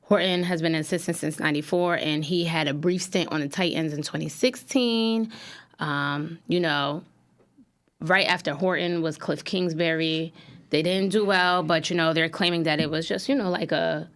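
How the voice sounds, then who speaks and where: Woman podcast co-host, low-pitched, blunt and animated, casual sports chat. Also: normal speed. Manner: blunt, animated, repeats phrases.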